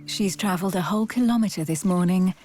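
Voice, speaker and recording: A woman's voice: fairly low pitch, fairly quick, over music. A woman reading scripted narration for a wildlife documentary.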